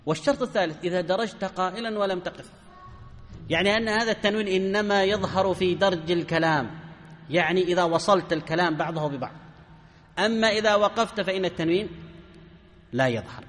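A man's voice: high-pitched, fast talker, fairly bright tone, in a large hall. A man teaching a grammar lesson to a class, often asking questions and answering them himself.

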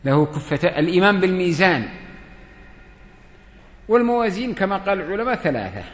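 Fast and very animated, a high-pitched male religious teacher questions his seated listeners and acts out dialogues during a lesson. The hall around him echoes.

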